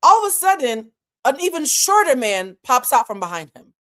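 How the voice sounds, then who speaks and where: A Boston channel host whose first language is French tells her viewers a casual story. She speaks at a normal pace in a high voice, animated and profane, addressing her audience directly.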